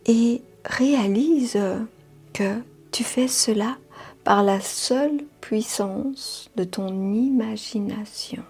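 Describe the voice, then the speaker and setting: A woman leading a guided meditation in a soft, half-whispered voice, soothing, with drawn-out phrases and long pauses. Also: on the high side, husky. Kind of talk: slow guided hypnotic meditation. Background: music.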